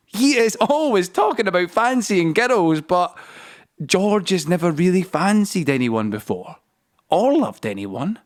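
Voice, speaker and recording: A man tells a scripted audio play in a storyteller's manner, phrasing each line deliberately and pausing for drama while music plays beneath him. His voice is slightly high.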